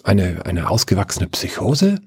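A man's voice: low voice, sing-song, unhurried, slightly rough, no echo, clean studio sound, full character voice. A man voicing a nervous young man who stammers and hurries through his words. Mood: panicked.

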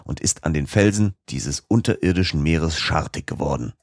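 Stubborn elderly professor, read by a man, lecturing firmly, very deep, dry close audiobook sound. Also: expressive, moderate pace, no room sound, full character voice. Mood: eager. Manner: lecturing, firm. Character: learned elderly male professor, stubborn and excitable.

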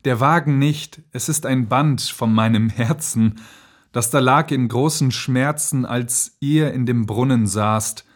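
A man's voice: medium pitch, unhurried, pitched above the performer's own voice, close to an everyday voice. A man voicing a loyal servant in a fairy tale reading, earnest and solemn.

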